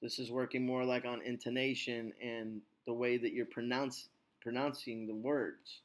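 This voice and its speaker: A man's voice: mid-range voice, normal speed. Easygoing male English teacher. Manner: relaxed, reassuring, rambling with fillers. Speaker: English teacher and podcast host. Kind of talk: casual chat.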